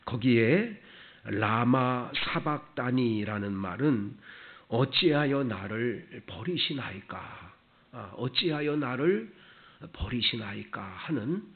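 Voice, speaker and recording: A man preaching a sermon as pastor at a church, building to emotional emphasis. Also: medium pitch. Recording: tinny phone-like sound.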